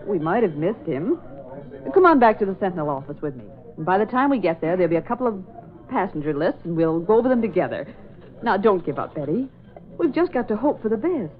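Brief: calm supportive female secretary, played by a woman, animated, old radio, lo-fi. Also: medium pitch, fast talker, lightly acted. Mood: reassuring. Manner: warmly reassuring. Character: reassuring female newspaper secretary. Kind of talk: 1940s radio acting. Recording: tinny old radio broadcast.

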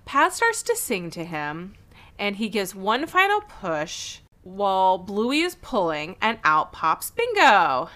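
A woman with a bright, ringing voice recaps a cartoon episode for her podcast. Her pitch swings freely as she tells the story with quick asides and laughs, in a casual, chatty style. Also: wildly swooping pitch. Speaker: podcast co-host.

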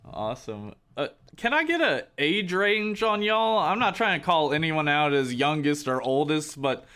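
A man's voice: fairly high pitch, big pitch swings, normal speed, sharp tone, clean tone. A man, interviewing a band over a video call, laughing often. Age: 20s. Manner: laughs often, friendly and giggly.

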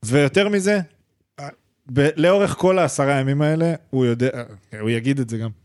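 A young man co-hosting a laid-back podcast. He tells his story in rushed, animated bursts and keeps restarting his sentences, with plenty of slang. His voice sits at an ordinary middle pitch. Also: smooth. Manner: rapid, animated retelling full of restarts and slang. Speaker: podcast co-host. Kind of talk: casual chat, storytelling.

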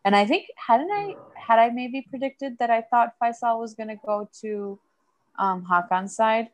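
A woman's voice: fairly high pitch, unhurried, rough recording. Giggly chatty woman co-host. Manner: chatty, laughs often, restarts a lot. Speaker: podcast co-host. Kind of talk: casual chat.

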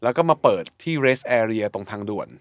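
Animated, blunt man on a podcast. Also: on the low side, moderate pace, no echo, clean studio sound. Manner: animated, blunt, swears casually, acts out his own reactions. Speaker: guest food reviewer. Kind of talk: casual podcast chat.

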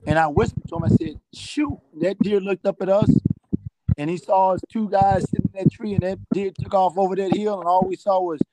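Middle-aged man telling an animated story. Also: high voice, fairly quick, heavy background noise. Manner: animated, rambling, repeats "I said". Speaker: guest. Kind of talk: storytelling anecdotes.

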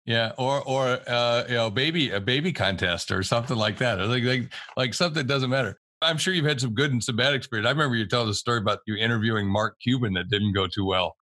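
A man hosting a radio interview show, briskly interjecting and steering the conversation. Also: mid-range voice, bright, forceful tone, no echo. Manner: quick interjecting backchannel, brisk. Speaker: host.

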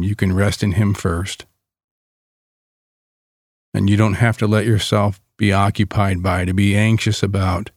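Very slow, calm man guiding meditation. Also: on the low side, no room sound, clean studio sound. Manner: calm, soothing, gentle delivery with long pauses. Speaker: guided meditation leader.

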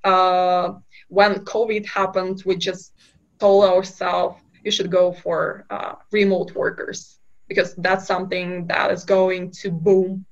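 A woman's voice: lowish voice, little pitch movement, slow pace, muffled recording. A woman from Kazakhstan, a startup co-founder, answering interview questions with many fillers and restarts.

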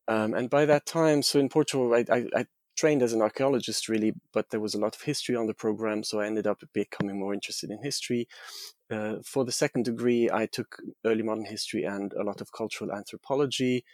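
A middle-aged man from Hungary, a history professor, answering interview questions in a thoughtful, halting way with many restarts. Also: on the low side, darkish tone, no echo. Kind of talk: academic interview.

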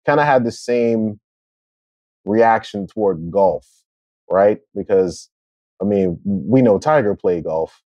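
Relaxed, lower-voiced male co-host. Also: takes it slowly, long pauses, no room sound, highs cut off. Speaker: podcast co-host. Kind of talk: casual chat.

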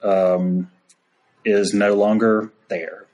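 A man's voice: fairly low pitch, level tone, extremely slow, a little mellow. A man, a priest as podcast guest, telling a story in a casual folksy way. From United States. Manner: folksy storyteller, frequent "y'all".

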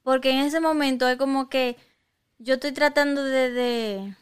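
Smooth higher-voiced woman telling a story. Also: moderate pace. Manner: hesitant storytelling, mixes in English words. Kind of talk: casual chat.

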